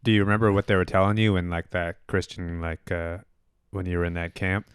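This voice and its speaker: Deep, smooth-voiced man hosting a podcast. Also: little pitch movement, no room sound, clean studio sound. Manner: easygoing, quick to laugh, riffs on jokes. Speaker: podcast host. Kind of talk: casual chat.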